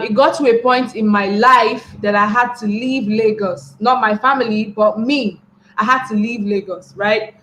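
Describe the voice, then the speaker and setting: A young Nigerian woman with a fairly high, slightly bright voice gives a motivational talk to an online class. She repeats key phrases and checks in by asking "right?", recorded in an echoey room with faint background noise.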